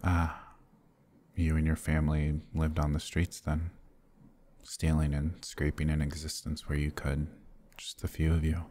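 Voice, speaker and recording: A man with a bass voice plays a polite, protective vampire lord with a brooding streak in an intimate ASMR roleplay. His delivery is monotone, husky and halting, gentle and formal, carrying a sympathetic mood.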